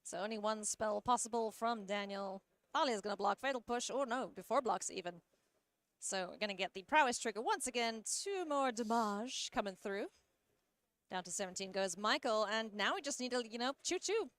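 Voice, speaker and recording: A woman giving live play-by-play commentary on a card game, playful and quick to laugh. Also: mid-range voice, a bit bright, no room sound.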